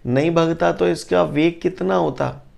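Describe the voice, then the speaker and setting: A male physics teacher, lecturing a class, quizzing students and repeating definitions slowly. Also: on the high side, vocal fry, a little mellow.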